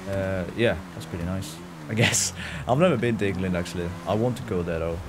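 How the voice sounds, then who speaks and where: A Norwegian man with a low voice and a Norwegian accent talks fairly quickly as he livestreams a video game, chatting casually with viewers and swearing freely. Background noise and game ambience with vehicle sounds can be heard.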